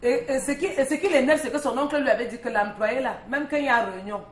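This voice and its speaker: A woman's voice: high voice, fast, roomy sound. A woman columnist on a morning talk show, telling a street story in a chatty, teasing way. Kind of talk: lively storytelling chat.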